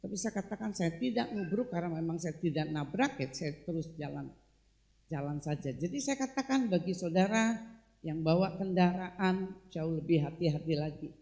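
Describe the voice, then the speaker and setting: A woman's voice: fairly low pitch, normal speed, mellow. A woman pastor preaching a sermon, telling stories to her congregation in a chatty, conversational way and calling them "saudara". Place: church service.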